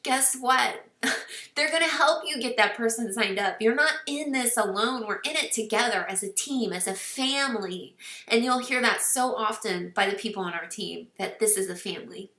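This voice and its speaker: Her voice is on the high side, bright and forceful, recorded from a distance in an echoey room. She's a fitness business team coach in her thirties or forties delivering a casual, earnest and encouraging recruiting talk to camera, with many fillers and moments where she gets teary.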